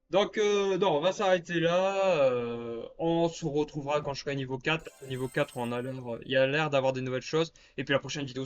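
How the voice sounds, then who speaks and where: Joking French gaming YouTuber, slightly high voice. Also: male voice. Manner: joking, self-mocking, chatty with viewers. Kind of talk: casual gameplay commentary. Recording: dull lo-fi sound with faint background noise.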